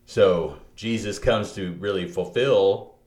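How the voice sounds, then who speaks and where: A man co-hosting a podcast, talking through theology in an animated way, thinking aloud with many restarts. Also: low voice, slow pace, reverberant. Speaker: podcast co-host. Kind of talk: theological conversation.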